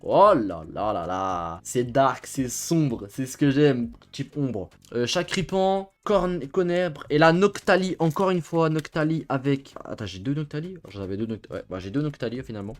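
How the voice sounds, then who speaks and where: A man's voice: fairly high pitch, moderate pace, hardly any pauses. A young man hosting a casual show-and-tell video, chatty and enthusiastic with lots of slang. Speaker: YouTuber. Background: faint background music.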